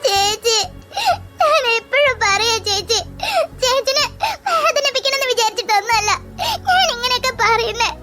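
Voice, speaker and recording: A woman's voice: extremely high pitch, normal speed, bright, forceful tone, faint music behind. A voice actor playing a tearful young woman in a cartoon, crying and pleading over and over. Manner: pleading, sobbing, repeats "chechi". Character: tearful young woman begging for her ex back. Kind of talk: cartoon voice acting.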